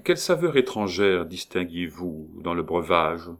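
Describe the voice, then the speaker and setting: A man reading as a grave doctor at a sickbed, deep-voiced and unhurried. He probes gently with low, soothing questions, read aloud from a storybook. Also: sing-song, full character voice. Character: calm, grave male doctor, gently probing.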